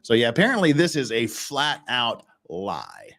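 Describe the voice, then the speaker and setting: A man's voice: medium pitch, sing-song, normal speed, a bit bright. A man giving casual live commentary as a host reviewing a trial.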